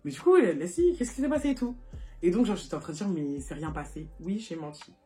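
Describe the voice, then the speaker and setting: A young woman from France telling a casual storytime to her viewers, animated and chatty, filling her talk with little asides and laughs. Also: lowish voice, fast talker, soft background music. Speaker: vlogger. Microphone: phone.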